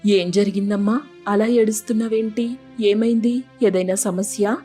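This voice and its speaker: A woman's voice: mid-range voice, steady tone, moderate pace, warm tone, faint music behind, close to an everyday voice. A woman voicing an elderly village mother who scolds and fusses over her daughters in a storybook tale. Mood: worried.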